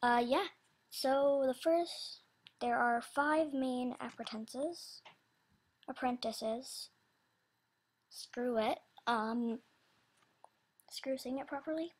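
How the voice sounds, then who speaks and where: This high, husky and breathy female voice belongs to an animation creator giving an unscripted, casual announcement. She stumbles along in a scatterbrained way, frequently interrupting herself.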